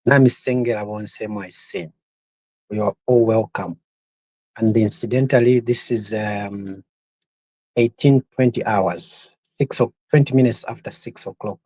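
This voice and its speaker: A man's voice: fairly low pitch, steady tone, a little slow, mellow, breathy edge, no echo, poor audio. Zambian man chatting, close dry sound. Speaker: panelist. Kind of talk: casual chat.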